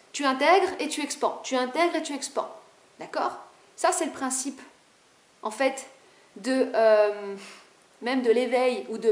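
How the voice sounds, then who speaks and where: A woman spiritual vlogger talking fast and animatedly to camera in a casual, rebellious way, with a high-pitched voice. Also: reverberant.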